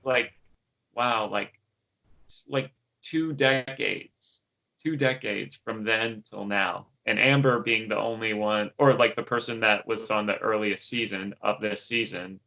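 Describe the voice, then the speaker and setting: Young male podcast co-host, lowish gravelly voice with a bright edge, loose filler-heavy chat. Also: unhurried, rough recording. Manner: chatty, many fillers and restarts. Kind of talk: casual chat.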